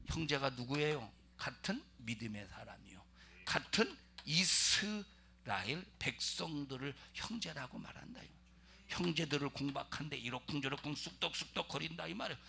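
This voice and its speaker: A male pastor preaching a sermon and leading scripture reading, firing questions at the congregation and bursting into loud emphasis. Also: mid-range voice, creaky.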